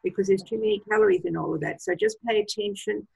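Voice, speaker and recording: Woman, gravelly, husky, enthusiastic product advice, video call. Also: medium pitch, fast, darkish tone, low-quality recording. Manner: enthusiastic, gives advice with many fillers. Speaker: product trainer. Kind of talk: casual presentation on a video call.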